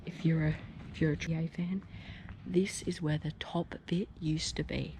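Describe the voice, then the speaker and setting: A nervous vlogger whispering in a hushed voice to viewers while exploring at night. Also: medium pitch, fairly even intonation, normal speed. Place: outdoors and around a derelict building at night. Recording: noisy handheld outdoor recording.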